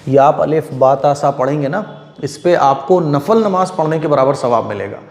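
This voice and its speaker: Patient man teaching slow recitation, echoey room. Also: on the high side, expressive, vocal fry, darkish tone. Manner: patient, repeats and draws out each letter sound. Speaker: Quran reading teacher. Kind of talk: step-by-step recitation lesson. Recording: echoey room with long reverb.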